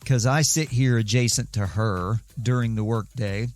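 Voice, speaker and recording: A man's voice: mid-range voice, normal speed, darkish tone. A man hosting a casual solo podcast, telling stories in a rambling, wry, self-deprecating way. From southeastern United States. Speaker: podcast host.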